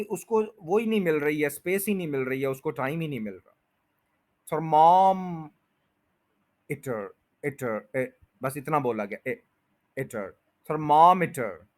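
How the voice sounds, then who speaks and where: A man teaching English pronunciation, patiently repeating each word and stretching its syllables. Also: a little high. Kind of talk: pronunciation lesson explained in Urdu/Hindi.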